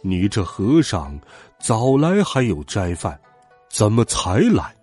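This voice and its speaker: A man's voice: fairly low pitch, very animated, slow pace, a little mellow, husky, soft background music, exaggerated voice. A man voicing a worried elderly villager in a storybook, drawn out and plaintive. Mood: suspicious.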